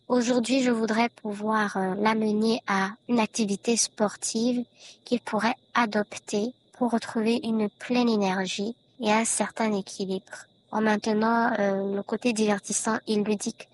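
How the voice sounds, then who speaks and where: A woman in her forties from Cameroon leaves a recorded voice message as a caller. Her voice is disguised by a voice changer, and she reads a prepared question in a measured, orderly way. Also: medium pitch. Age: 40s.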